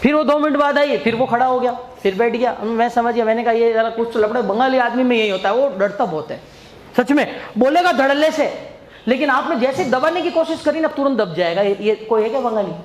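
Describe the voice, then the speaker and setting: A man's voice: very high voice, a little fast. Man, coaching teacher, joking exam-prep lecture, rhetorical quizzing, roomy echo, faint noise behind. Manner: joking, storytelling, quizzing with repeated questions. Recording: echoey room, faint background noise.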